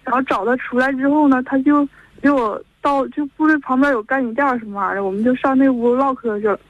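A woman's voice: high voice, fairly even intonation, quick pace, no room sound. A young woman in her twenties with a Northeastern Mandarin accent, calling in and telling her story in a rambling way, stringing events together with "and then". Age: 20s. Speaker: caller. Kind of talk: call-in chat. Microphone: telephone. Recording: dull lo-fi phone line.

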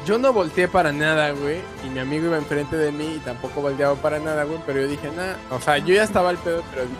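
A young man with a Mexican accent, a streamer casually telling a story in slangy, animated speech, dropping "güey" all the time. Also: a little high, quick pace, over music. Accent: Mexican Spanish.

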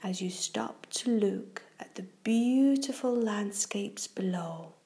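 Slow, half-whispering woman guiding children's meditation. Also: medium pitch, expressive. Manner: soft, breathy, half-whispered, gentle delivery; slow, deliberate, soothing phrasing. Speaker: host of a children's relaxation show. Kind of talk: guided meditation for children, read from a book.

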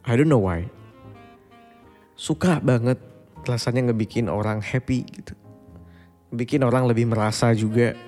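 A man in his twenties hosts a casual bedtime podcast, reflective and confiding, dropping in English phrases now and then. His medium-pitched voice is a little mellow, set against long reverb and faint background music.

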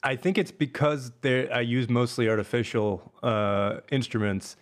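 A young man with a Midwestern accent chatting casually about his music, rambling and halting with lots of fillers. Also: mid-range voice, steady tone. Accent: American Midwestern. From American Midwest. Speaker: musician guest. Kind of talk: casual podcast chat.

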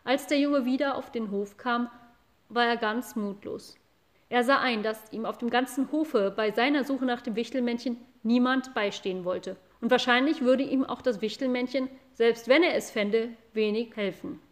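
A woman reads a classic children's story aloud as audiobook narration. Her pace is calm and measured, and her voice sits a little high for a woman.

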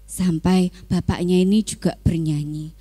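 A woman's voice: lowish voice, a little slow, breathy edge. A woman telling a Bible story to Sunday school children and quizzing them. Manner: animated, asks children questions.

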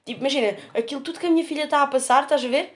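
A woman's voice: sits high, rapid-fire. A young woman with a European Portuguese accent, telling a story in slangy casual chat with a podcast co-host, often laughing and a little short of breath. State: feeling hot, short of breath.

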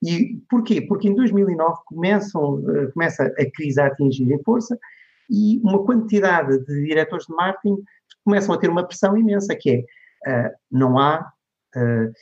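A man's voice: on the high side, expressive, normal speed, a little mellow. A middle-aged man from Portugal with a European Portuguese accent, a lecturer telling stories in an interview and voicing the people he quotes. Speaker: guest, digital marketing lecturer. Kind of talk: conversational interview storytelling. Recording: dull lo-fi recording.

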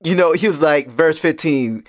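A man leading a casual Bible study discussion, earnest and quick to laugh. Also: fairly high pitch, no echo, clean studio sound.

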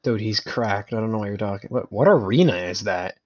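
Casting: young adult man, fairly low voice, casual joking gamer-bro banter among friends, dull lo-fi recording. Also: expressive, fairly quick. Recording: dull lo-fi mic sound.

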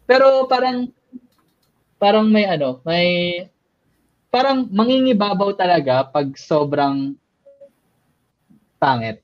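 A podcast co-host with a high, expressive voice talks slowly and candidly, pausing often and sounding hesitant, with fillers as his thoughts trail off. The casual chat has a dull, lo-fi sound.

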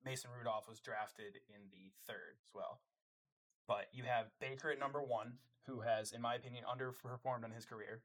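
A man's voice: medium pitch, steady tone, normal speed, a bit bright. A man co-hosting a casual sports podcast, giving firm opinions as he runs through player lists. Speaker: podcast co-host.

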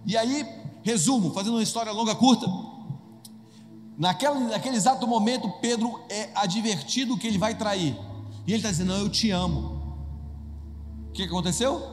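A Brazilian preacher tells the story with jokes and acted voices, his voice pitched notably high for a man. His sermon carries through a church with a long reverb. Soft music plays underneath. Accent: Brazilian Portuguese. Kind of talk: humorous sermon. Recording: echoey hall with soft music.

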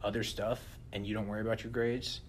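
A young man co-hosting a podcast in casual chat, animated and often turning to listeners with "listen". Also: on the low side, fast talker, a little hiss or hum. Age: young adult. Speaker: podcast co-host.

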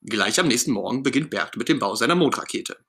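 A man's voice: mid-range voice, fast. Man reading a children's story. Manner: lively, playful. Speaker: narrator.

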